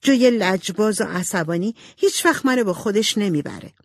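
A woman voicing a spoiled, pouty young girl in a storybook reading, with a high childish whine. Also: lively intonation, slightly rough, no echo, clean studio sound. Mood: sulky.

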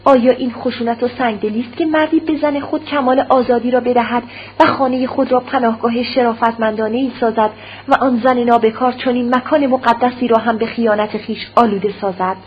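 A stern, cold-hearted husband, as a woman reading the story puts him on, talks in a harsh, commanding tone full of contempt. The voice sits fairly high. The recording is dull and lo-fi, with a faint hum underneath. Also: steady tone, natural voice.

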